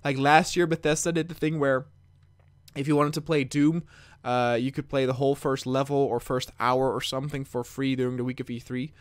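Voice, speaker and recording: A man's voice: mid-range voice, fairly even intonation, a little fast, clean tone, no echo. Man, podcast co-host, casual chat, rambling, repeats words, dry sound.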